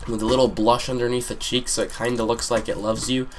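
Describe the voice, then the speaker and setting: A man's voice: medium pitch, fast talker, slight background noise. Rambling teen boy gamer telling a story. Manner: rambling, sarcastic, bursts into excited yelps. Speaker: gaming commentator. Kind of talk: storytime commentary over gameplay. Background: keyboard clicks and typing.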